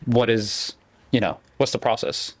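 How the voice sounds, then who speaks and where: A man's voice: mid-range voice, measured pace, no room sound. Upbeat male podcast host. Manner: upbeat, hesitant with fillers, asks open questions. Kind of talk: casual podcast hosting.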